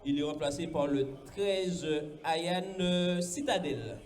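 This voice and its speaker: A man commentating live on a football match in a halting, repetitive way. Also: fairly high pitch. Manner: hesitant, halting delivery with repetitions. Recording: outdoor stadium, crowd noise behind. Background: crowd.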